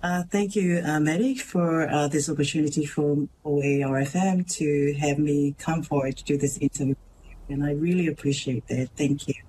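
A woman's voice: low-pitched, steady tone, mellow, a little hiss or hum, rough recording. Earnest Tongan woman telling her story. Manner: earnest, halting, many pauses and restarts. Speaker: teacher, interview guest. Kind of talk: radio interview, personal story.

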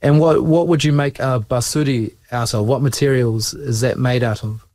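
New teacher, patient questions. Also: male voice, mid-range voice, steady tone, normal speed, darkish tone. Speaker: school teacher. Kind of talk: interviewing students. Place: school.

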